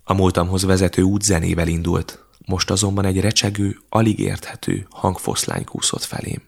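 Audiobook narrator, man, very low gravelly voice, measured and steady. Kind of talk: scripted narration.

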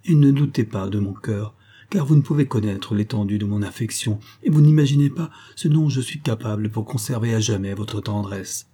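A man's voice: lowish voice, moderate pace, dark tone, breathy edge. A man reading an audiobook, voicing a fevered pastor who speaks earnestly and pleadingly. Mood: tender. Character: tormented adult male pastor, fevered.

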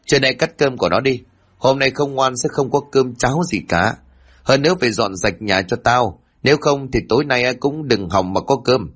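A man's voice: medium pitch, moderate pace, a bit bright, husky. A man voicing a cruel young stepmother who scolds and sneers at a small child. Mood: scolding.

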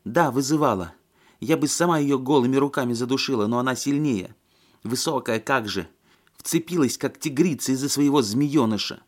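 A man's voice: moderate pace, lightly acted. A man voicing a spiteful, envious woman who shrieks her lines in an audiobook. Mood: shrill, hateful. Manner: shrill, shrieking.

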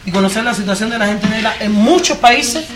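At a live panel, a woman from Cuba talks passionately in an expressive, medium-pitched voice at a fairly quick pace. Her Cuban Spanish accent comes through as she puts rhetorical questions straight to the audience.

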